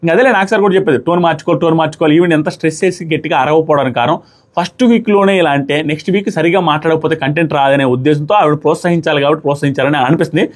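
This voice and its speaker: A man giving a casual, animated review of a reality show and talking straight to his viewers. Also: on the high side, rapid-fire.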